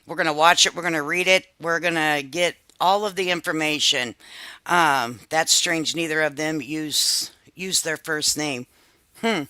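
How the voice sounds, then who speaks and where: Her voice sits low, with a sharp yet clean tone, and the recording has no echo. She hosts a reaction commentary channel, pausing someone else's video to talk over it in a chatty way, scolding commenters and laughing at herself.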